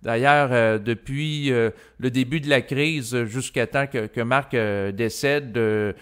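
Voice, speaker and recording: A Québécois host of spiritual self-help recordings delivers an unscripted, reflective monologue to listeners, halting and roundabout with frequent hesitations and long lead-ins. His mid-range voice is clear and resonant, a bit bright, with a Quebec French accent.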